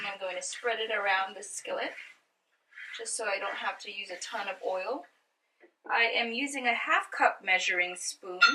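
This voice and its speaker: In a mid-range voice with a sharp edge, a woman gives a casual cooking demo to camera, talking viewers through it step by step and greeting them as "guys" and "friends." Audio quality is poor, with some hiss or hum.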